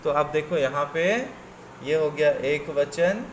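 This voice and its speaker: A man's voice: a little high, fairly even intonation, unhurried, slight background noise. A man teaching a coaching class, reciting word forms in patient lists and mixing English words into his explanations.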